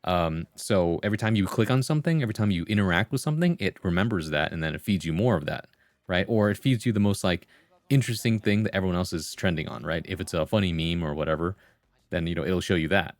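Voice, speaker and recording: A man's voice: deep voice, fast, no echo. A man hosting a livestream, chatting casually with viewers and reading comments in a slangy, conversational way. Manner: slangy, conversational, full of "like" and "bro". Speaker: livestream host.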